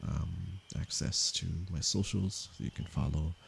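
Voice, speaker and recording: A man from Canada, a meditation teacher, speaking softly and unhurriedly to viewers of his livestream. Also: low-pitched, creaky, a little hiss or hum. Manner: slow, soft-spoken and unhurried, with pauses. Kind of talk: calm livestream talk to viewers.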